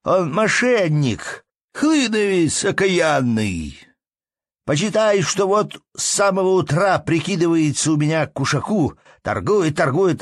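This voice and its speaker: Raspy angry old trader, voice pushed up high, man doing it, dry. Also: no echo. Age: older. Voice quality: hoarse. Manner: indignant, complaining. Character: angry gray-haired old male peddler.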